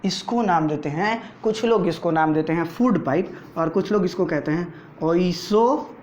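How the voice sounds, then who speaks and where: A man's voice: sits high, moderate pace, darkish tone. A male teacher giving a board lecture to school students, asking rhetorical questions, answering them himself and repeating key terms. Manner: repeats key terms, often tags "theek hai". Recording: dull lo-fi recording with faint noise.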